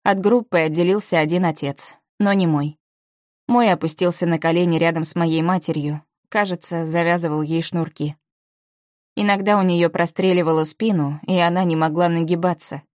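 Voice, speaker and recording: Low-voiced woman narrating an audiobook. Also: steady tone, darkish tone, no room sound, clean studio sound. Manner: measured storytelling. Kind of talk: first-person audiobook narration.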